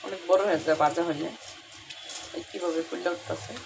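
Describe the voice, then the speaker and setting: A mother with a Bangladeshi accent vlogs from home, chatting casually and colloquially with viewers about home cooking, partly from the kitchen while frying. Her voice is lowish, gravelly and steady, and she talks a little fast. The home recording is noisy, with clicks.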